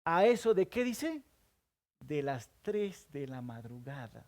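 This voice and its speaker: A man, preaching a sermon to a congregation. He keeps asking the listeners questions and answering them himself, and he moves between loud emphasis and hushed low asides. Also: big pitch swings, slow pace. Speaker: pastor.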